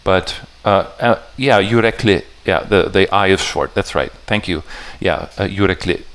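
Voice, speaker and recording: A man's voice: low-pitched, expressive, a bit bright, clean tone. A man giving an explanatory talk to a live audience about puzzle patterns, often stopping to restart and rephrase his sentences and checking in with listeners. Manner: halting and self-correcting, stops to restart sentences; talks directly to the audience with checking questions.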